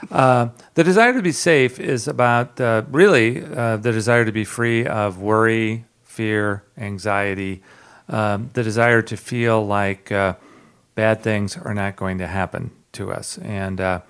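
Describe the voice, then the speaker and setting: A radio talk show host speaks in a low, gravelly voice with a slight Southern drawl. His delivery is relaxed and unhurried, loaded with "uh" fillers, and he cracks jokes about his own drawl.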